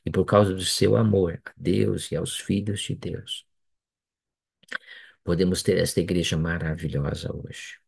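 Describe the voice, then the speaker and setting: A man giving an earnest seminary lesson, speaking slowly and deliberately and often checking in with "né" and "ok". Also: low-pitched, steady tone, vocal fry, a little mellow, husky, no room sound. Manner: earnest, slow and deliberate, with frequent "né" and "ok". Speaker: seminary teacher. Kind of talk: religious class lesson.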